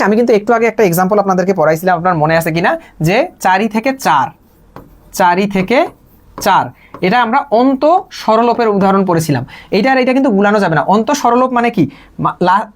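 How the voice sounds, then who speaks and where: A young man teaching a live online grammar class, patiently repeating each example and asking quick check questions. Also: high-pitched. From Bangladesh.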